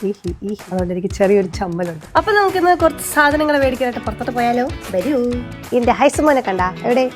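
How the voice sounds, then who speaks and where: A woman's voice: on the high side, animated, fast, over music. A young woman vlogging casually while shopping, chatting playfully and coaxing her small child along. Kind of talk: casual vlog chat. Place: shopping mall.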